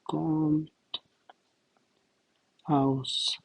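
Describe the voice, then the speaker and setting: Non-native male tutor, slow deliberate delivery, dry recording. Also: on the high side, flat delivery, vocal fry, breathy edge, no echo, low-quality recording. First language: not German. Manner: slow, thinking aloud while writing answers. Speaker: language tutor. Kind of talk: self-study lesson walkthrough.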